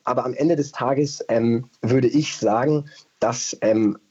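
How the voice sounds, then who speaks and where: A man's voice: medium pitch, takes it slowly, darkish tone, husky, lo-fi sound. A man from Berlin answering as a radio interview guest, thoughtful and hesitant, with many fillers. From Berlin, Germany. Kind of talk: casual interview.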